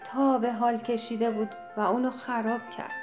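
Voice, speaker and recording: A woman narrating a children's story in a gentle, expressive manner. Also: a little high. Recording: faint background music.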